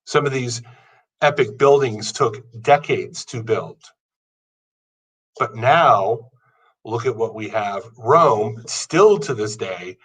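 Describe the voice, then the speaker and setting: Heard through poor audio from a distant mic, this fifty-something podcast host delivers an earnest motivational talk built around long lists. His voice is mid-range, husky, and a bit bright.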